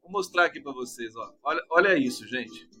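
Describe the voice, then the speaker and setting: A man hosting a live stream, giving teasing, animated political commentary. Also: mid-range voice, a little fast, very noisy.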